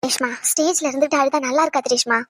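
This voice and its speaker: A woman voicing a fretful young woman in a cartoon, blaming herself and talking quickly. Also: sits high, fairly even intonation, dry recording, natural voice. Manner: fretting, self-blaming. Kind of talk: cartoon dubbing.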